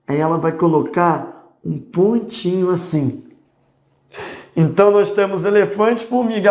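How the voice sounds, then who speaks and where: A man's voice: sits high, a little mellow. A man with a Brazilian Portuguese accent teaching an online class, explaining step by step and often checking in with his students. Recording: echoey room.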